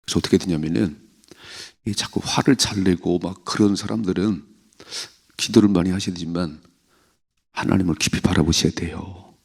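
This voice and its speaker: A man's voice: sits low, moderate pace, gravelly, darkish tone, slightly rough. A man preaching a sermon at an early morning church prayer service, talking conversationally and putting questions to the congregation. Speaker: pastor.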